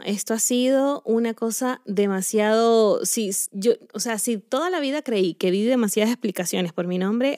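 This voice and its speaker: A woman from Latin America hosting a podcast, telling personal anecdotes in a lively, playful way and acting out the lines she quotes. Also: mid-range voice, dry recording, studio quality. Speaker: podcast host. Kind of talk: personal storytelling monologue. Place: Spain, living there now.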